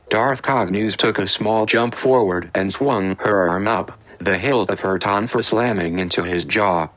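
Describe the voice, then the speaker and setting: A man reading a fan-fiction chapter aloud as an audiobook narrator, in a steady, plain delivery with occasional stumbles. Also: lowish voice, no room sound, rough recording.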